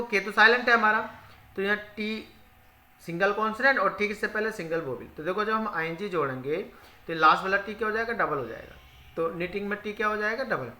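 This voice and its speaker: In a high, bright and forceful voice, a male English teacher explains spelling rules during a spoken grammar lesson. He repeats each rule in Hindi and fields his own questions, with the sound echoing around the room.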